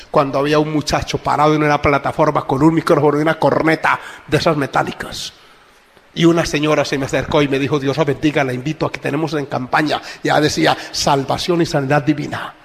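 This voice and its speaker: Male pastor preaching, gravelly voice, dramatic storytelling that swings from whisper to shout, long hall reverb. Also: on the high side. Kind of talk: sermon.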